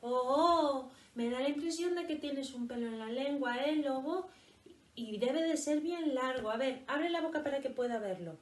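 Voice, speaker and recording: A cheeky little storybook rabbit chatters in a high, teasing voice, as a woman reading aloud puts it on. The bunny bosses others around, and the sound rings in an echoey room. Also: moderate pace, lightly acted.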